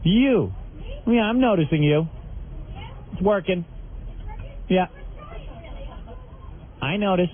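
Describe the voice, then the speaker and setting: A man's voice: high voice, expressive, slow pace, long pauses, breathy edge, narrow, tinny audio. A man hosting a radio show live from a party, brash and crude, teasing his guests. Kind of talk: live party broadcast banter. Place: crowded formal party room.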